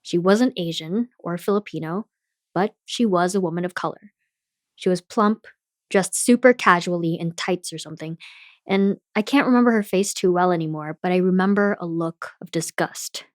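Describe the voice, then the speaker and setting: Low-voiced woman podcast host. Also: moderate pace, dry recording, studio quality. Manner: candid, personal storytelling. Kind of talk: scripted personal podcast narration.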